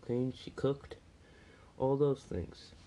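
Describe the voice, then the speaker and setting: A man's voice: medium pitch, flat delivery, slow, warm tone, a little hiss or hum, low-quality recording. A man reading a first-person story aloud, plainly, with small slips and restarts.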